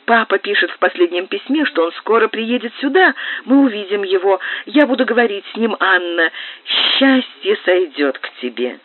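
A woman voicing a dreamy, frightened young woman who speaks softly and pleadingly to her sister. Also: mid-range voice, animated, normal speed, pitched above the performer's own voice, close to an everyday voice. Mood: tender. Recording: tinny lo-fi digitized tape.

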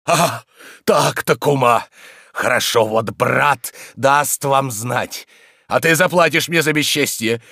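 A man voicing a coarse, bullying middle-aged man who shouts insults and accusations. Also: medium pitch, slow, gravelly, dry recording, clean studio sound, voice pushed up, full character voice. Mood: yelling.

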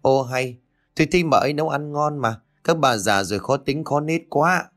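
A man's voice: fairly high pitch, moderate pace, soft background music, voice pushed up, natural voice. A man playing a dignified governor's wife. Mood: placating.

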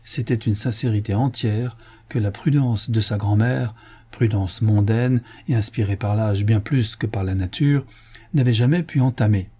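A man narrating a classic novel as an audiobook reader, measured and even. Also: fairly low pitch, slightly rough. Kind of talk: scripted narration.

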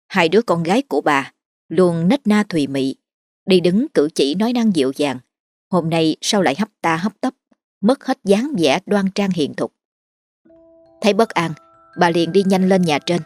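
A woman host narrating a late-night ghost story in a polite, measured way. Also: fairly low pitch, a little mellow. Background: faint background music.

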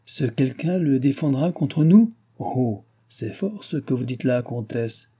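A man's voice: mid-range voice, lively intonation, slow, warm tone, husky. A man voicing an aging French king who talks in an ironic, offhand way.

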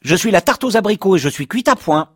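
A man's voice: high voice, animated, fast, slightly rough, no echo, studio quality, voice pushed up. A man voicing a childish, whining talking kitchen oven in a radio reading. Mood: boastful.

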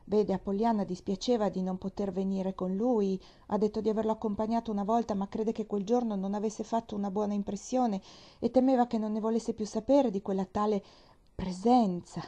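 A lady reading as a worried young maid, apologetic, near tears, mellow soft voice. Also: mid-range voice, natural voice. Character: young maid, anxious and tender-hearted.

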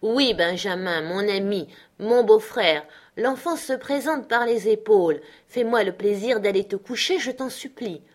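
A woman's voice: medium pitch, measured pace, hardly any pauses, voice pushed up, lightly acted. A woman voicing a mild, patient older man who begs his brother-in-law to go to bed. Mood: pleading. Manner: pleading, patient.

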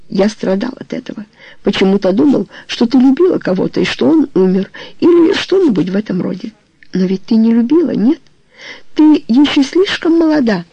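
A man's voice: high voice, vocal fry, warm tone, slightly rough, no echo, muffled recording, full character voice. A reader voicing a passionate young man pleading with his beloved to marry him, in an audiobook. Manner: pleading, tender, insistent. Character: ardent young man proposing marriage, passionate. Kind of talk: audiobook character reading.

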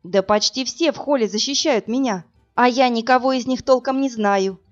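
A woman's voice: on the high side, moderate pace, lo-fi sound, soft background music. Woman narrating a story expressively. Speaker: audiobook narrator. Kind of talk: first-person story narration.

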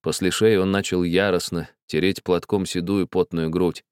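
A man reading a novel aloud in a steady, measured way. His voice sits somewhat low and the recording is dry and close. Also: clean tone, no echo. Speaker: audiobook narrator. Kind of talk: scripted narration.

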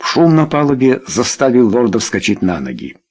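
Audiobook narrator, man, husky voice, animated delivery. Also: medium pitch, moderate pace. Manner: lively, expressive reading. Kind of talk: scripted narration of a novel, voicing all characters.

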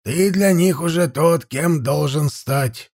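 A man voicing a stern, harsh-voiced old male high priest who lectures sharply, in an audiobook reading. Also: slow, darkish tone, no room sound, clean studio sound. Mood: stern lecturing.

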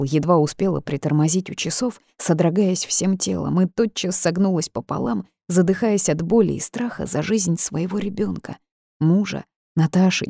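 Woman reading an audiobook, low mellow voice, dramatic first person, dry close mic. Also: gravelly, dry recording. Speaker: narrator. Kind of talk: audiobook narration.

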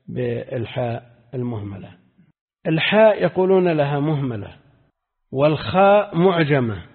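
A husky male sheikh gives a classical teaching lesson, repeating lines of verse and putting questions to his students. His voice comes through thin and phone-like, with a long reverb trailing behind it. He has a middle-pitched, steady tone. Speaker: sheikh teaching hadith terminology.

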